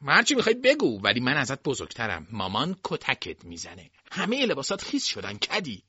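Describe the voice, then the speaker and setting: A man's voice: mid-range voice, huge pitch swings, pushed and bright, breathy edge, no room sound, dull audio, pitched above the performer's own voice, exaggerated voice. A man voicing a bossy older brother who scolds and orders the younger children. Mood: scolding.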